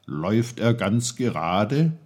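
Kindly teasing storybook mentor, slow and mellow, read by a man. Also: fairly low pitch, sing-song, exaggerated voice. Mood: patient. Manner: patient, explaining, teasing. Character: kindly playful wise male guide.

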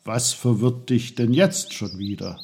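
A man's voice: mid-range voice, measured pace, darkish tone, a little hiss or hum, lightly acted. A man voicing a fussy, know-it-all little uncle who lectures a boy. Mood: lecturing. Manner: busy, lecturing.

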